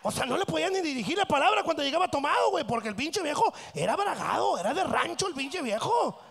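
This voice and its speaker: A middle-aged man with a Mexican accent doing a crude, rowdy stand-up routine on a theatre stage, breaking into shouted voices. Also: very high-pitched, very animated, fast talker, creaky, a little hiss or hum. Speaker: stand-up comedian.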